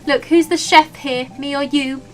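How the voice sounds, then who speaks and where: Woman putting on a brusque, high-pitched bossy chef. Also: steady tone, moderate pace, close to an everyday voice. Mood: bossy, irritated. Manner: brusque, commanding. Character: bossy, short-tempered chef barking at an intruder. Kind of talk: character voice in a game read-aloud.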